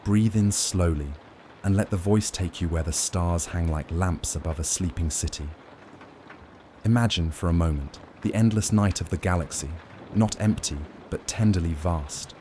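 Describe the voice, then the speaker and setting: Really deep dark-voiced guy reading a sleep story, slow n gentle, soothing. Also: slight background noise. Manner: gentle, measured, hushed lulling delivery. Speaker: narrator of bedtime lore stories.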